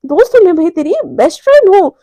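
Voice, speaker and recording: A woman voicing a playful young college girl who teases her friend loudly. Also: very high-pitched, very animated, fast, no room sound, clean studio sound. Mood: teasing. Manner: teasing, playful, loud.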